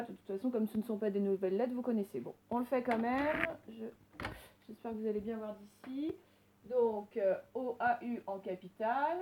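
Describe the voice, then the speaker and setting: Woman, primary teacher, warm higher voice, careful sounded-out words for a recorded reading lesson. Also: low-quality recording. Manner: slow, clearly sounded-out words, gentle instructions.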